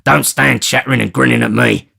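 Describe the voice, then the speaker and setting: A man's voice: fairly low pitch, steady tone, fast talker, vocal fry, fairly bright tone, husky, exaggerated voice. Man doing a snarling sick housebreaker. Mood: savage, impatient. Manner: snarling, cursing, impatient. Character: sick, brutal, surly male housebreaker.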